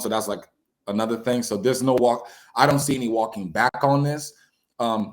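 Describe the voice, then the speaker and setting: Young male co-host, lowish voice, easygoing, video call. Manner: relaxed, agreeable, short affirmations. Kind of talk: casual conversation.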